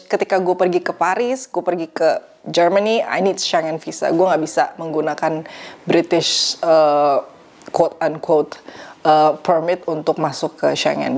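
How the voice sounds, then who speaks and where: A woman's voice: on the low side, a little mellow. A young woman from Indonesia answering viewer questions in a casual vlog, chatty and dropping in English phrases. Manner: chatty, mixes English phrases into her talk.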